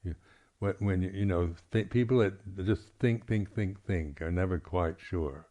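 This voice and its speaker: A deep, dark voice belongs to this male Buddhist monk teacher. He offers unscripted reflections at a meditation retreat, his speech halting and broken by frequent throat-clearing.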